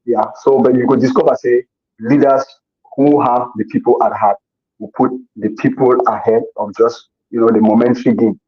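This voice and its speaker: An interview guest answers questions earnestly and casually, often repeating words while he searches for what to say. He is a man with a husky, medium-pitched voice, fairly even intonation, and normal speed, captured in a dull lo-fi recording.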